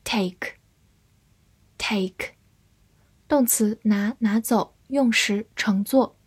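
A woman giving a scripted vocabulary lesson, spelling words out letter by letter and reading example sentences slowly. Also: on the high side, steady tone, breathy edge, no room sound. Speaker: English teacher.

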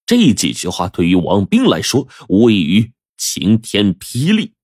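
Husky, animated male storyteller. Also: fairly low pitch, a little slow, no echo, clean studio sound. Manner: animated, expressive narration. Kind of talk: dramatic storytelling.

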